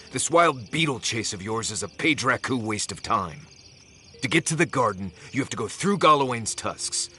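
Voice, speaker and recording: Scornful fantasy game companion, bright edgy voice, pitch jumping all over, slightly low. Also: male voice, slight background noise. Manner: scornful, heated outbursts. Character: bitter, sarcastic male adventurer companion. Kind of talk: video game voice acting.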